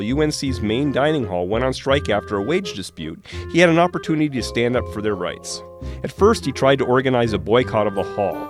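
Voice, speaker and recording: A man reading a book passage aloud in a steady, measured way. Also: mid-range voice.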